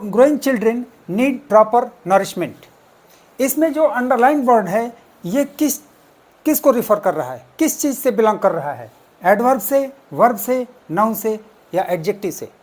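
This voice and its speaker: An exam coaching teacher explaining test answers, deliberately repeating and spelling out words step by step. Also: mid-range voice, a little mellow. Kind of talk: explaining exam answers, mixing English terms.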